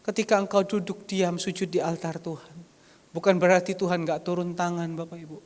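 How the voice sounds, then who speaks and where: A man preaching a lively sermon to a church congregation, acting out quoted voices and joking with the listeners. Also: high voice, a little fast. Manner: animated, acts out quoted voices, jokes with the congregation. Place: church hall. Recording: reverberant church hall.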